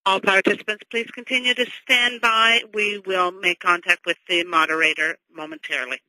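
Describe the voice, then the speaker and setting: A woman's voice: medium pitch, moderate pace, dry recording, poor audio. A woman working as a conference call operator, reading formal scripted announcements. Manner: formal, even.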